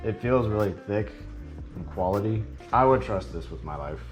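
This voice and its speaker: Tired, low-voiced guy in an echoey room. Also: animated, moderate pace. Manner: casual, rambling, talks straight to viewers. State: tired and out of breath. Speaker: vlogger. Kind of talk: casual unboxing and review vlog. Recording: echoey room with background music.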